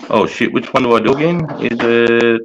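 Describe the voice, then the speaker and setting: A middle-aged bloke with a broad Australian or New Zealand accent hosts a casual livestream. His talk is slangy and sweary, in an average-pitched male voice. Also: normal speed, highs cut off, noisy background. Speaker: livestream host. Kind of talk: casual chat.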